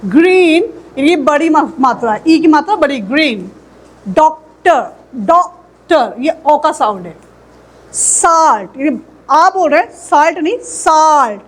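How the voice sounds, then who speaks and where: During an English phonetics lesson, a woman with a high voice says model words slowly for students to repeat back. Her explanations are patient.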